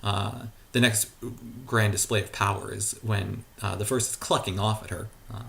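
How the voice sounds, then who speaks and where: A man's voice: on the low side, steady tone, moderate pace, gravelly, fairly bright tone, a little hiss or hum. A man talking casually in his garage, rambling and hesitant, with many fillers and restarts. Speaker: vlogger. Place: garage at home.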